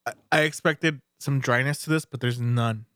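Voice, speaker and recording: A man's voice: medium pitch, steady tone, moderate pace, a bit bright, smooth, no echo, clean studio sound. A man co-hosting a podcast, teasing his friend and swearing casually while tasting beer. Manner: profane, teasing, laughs a lot. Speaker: podcast co-host.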